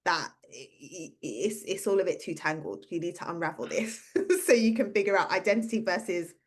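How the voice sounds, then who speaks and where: With a lowish voice and a slightly fast pace, this woman in her thirties, a career coach and podcast host, chats casually through a personal story and performs the voices of the people she quotes.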